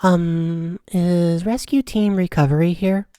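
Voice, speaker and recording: A woman doing a soft, airy little fluff creature. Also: lowish voice, fairly even intonation, slow, slight background noise. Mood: worried. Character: small fluffy floating creature, gentle and worried.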